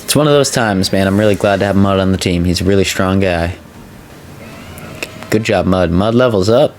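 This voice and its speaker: A man's voice: low-pitched, normal speed, slight background noise. A man giving casual video game commentary, talking a little carefully with a sore mouth after having a wisdom tooth out. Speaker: video game let's player. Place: indoor voice-over recording.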